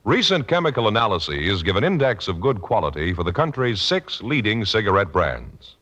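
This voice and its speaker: A man's voice: fairly low pitch, sing-song, normal speed, a bit bright. A man with an American accent announcing in a solemn, emphatic 1950s radio style, reading a script. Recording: dull old radio recording. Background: music.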